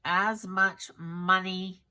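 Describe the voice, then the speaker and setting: A congested woman talks through her monthly budget in a relaxed, unhurried vlog. Her voice is fairly low yet bright and forward, and her stuffy nose comes through. She sounds candid and self-critical, with plenty of fillers and restarts. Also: smooth. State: congested from a cold. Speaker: budgeting vlogger.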